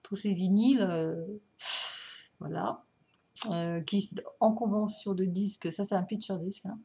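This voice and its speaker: Slow and creaky at medium pitch, this woman's voice carries a casual vlog about her records; she hesitates, fills gaps, apologizes, and laughs with excitement, moving closer to and farther from the camera mic.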